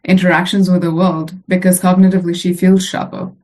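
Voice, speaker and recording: A woman with a slightly low voice talks quickly and chattily in a relaxed podcast conversation. She tells stories about her class participants, with plenty of fillers along the way. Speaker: podcast co-host, program facilitator. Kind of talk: casual chat.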